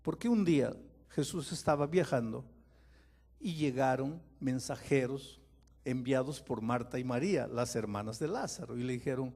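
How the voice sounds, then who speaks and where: A man, a pastor, preaching a dramatic sermon, moving from quiet storytelling to loud impassioned pleading and putting questions straight to his listeners. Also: mid-range voice, moderate pace, creaky. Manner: speaks to listeners directly with questions.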